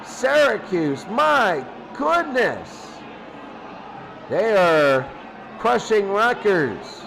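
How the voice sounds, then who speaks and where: This radio announcer calls a football game in terse, frequently repeated bursts, his voice very animated yet extremely slow, a bit bright, with vocal fry. A vehicle-like rumble runs through the noisy recording.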